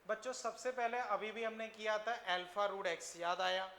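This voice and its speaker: A man teaching a physics class, often stopping to ask his students if the steps are clear. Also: high voice, moderate pace, pushed and bright. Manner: addresses students as children, asks frequent checking questions. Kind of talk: classroom lecture. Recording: echoey classroom, faint noise.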